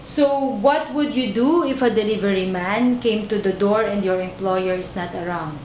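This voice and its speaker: A woman's voice: medium pitch, moderate pace, slight background noise. A woman conducting a job interview, patiently repeating and rephrasing her questions. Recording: dull roomy recording.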